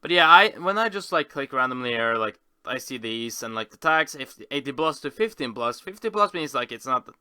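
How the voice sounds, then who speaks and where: A man hosts a video, talking through a casual screen tour in a rambling, halting way and correcting himself. His animated, mid-range voice is very bright, forceful, clear and smooth. The sound is close, dry and echo-free.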